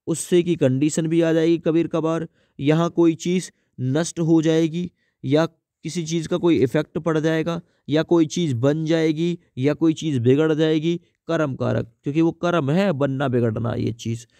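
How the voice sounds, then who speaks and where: A man teaching an exam-prep grammar lesson, his voice sitting a bit high. He keeps asking questions and answering them himself, repeating each point. The close mic gives a dry sound with no room echo. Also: warm tone. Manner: reads example sentences slowly.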